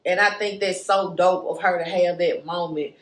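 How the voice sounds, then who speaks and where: A woman's voice: fairly low pitch, fairly even intonation, moderate pace, a bit bright. A woman co-hosting a podcast, chatting casually and emphatically in slangy talk as she reviews a book. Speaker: podcast co-host. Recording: echoey room.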